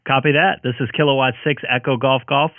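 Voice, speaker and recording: A man's voice: medium pitch, fairly even intonation, brisk, no room sound, phone-quality sound. Male radio streamer, hungover and worn out, loose rambling chat, close dry sound. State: tired and hungover, with a headache. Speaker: live-streaming ham radio operator.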